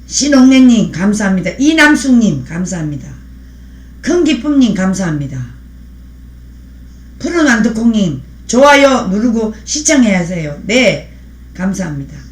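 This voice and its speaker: A woman's voice: mid-range voice, very animated, moderate pace, reverberant. A woman hosting a live stream, speaking in a fiery, preachy way and thanking viewers by name as she reads their comments. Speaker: livestream host.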